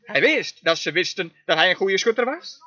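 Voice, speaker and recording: Man, very high sharp voice, emphatic dubbed sermon interpreter, dull lo-fi audio. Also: animated, normal speed, slightly rough. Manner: emphatic preaching, frequent amens.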